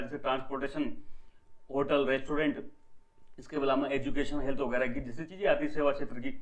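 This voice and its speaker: A man's voice: fairly high pitch, poor audio. A young man hosting a daily economics news lesson, addressing viewers as friends and repeating key points with rhetorical questions. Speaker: economics teacher and channel host.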